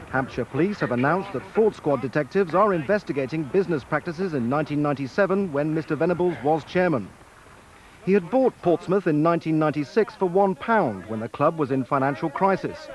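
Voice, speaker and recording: A male news reporter giving a scripted report in a measured, formal way, heard from a worn VHS tape copy. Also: on the high side.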